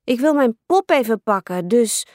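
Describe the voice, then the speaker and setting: A woman's voice: fairly high pitch, expressive, moderate pace, a little mellow, dry recording, studio quality, lightly acted. A woman voicing a pushy, whiny little girl who pesters her older sister. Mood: pleading. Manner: whiny, pleading.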